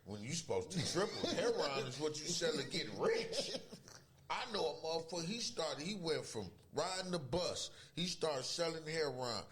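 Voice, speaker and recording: A man's voice: on the high side, lively intonation, moderate pace, a bit bright. A middle-aged man chatting casually and telling stories in slangy, profane street talk. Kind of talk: casual chat, storytelling. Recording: background noise.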